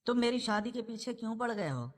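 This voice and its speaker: A woman voicing a widowed middle-aged mother in a novel, who speaks in a sharp, defensive way. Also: on the high side, lively intonation, lightly acted.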